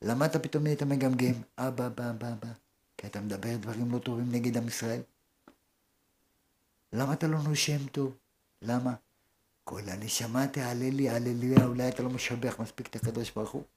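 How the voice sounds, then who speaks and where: A man giving a rabbi's Torah lesson, asking the listeners rhetorical questions and swinging between raised and hushed speech. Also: mid-range voice, steady tone, a little hiss or hum.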